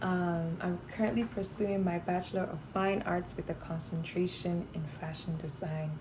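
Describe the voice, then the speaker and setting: A woman's voice: fairly low pitch, fairly even intonation, normal speed, background noise. A young woman from Ghana, a fashion design student, answering interview questions thoughtfully with some fillers and restarts. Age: young adult.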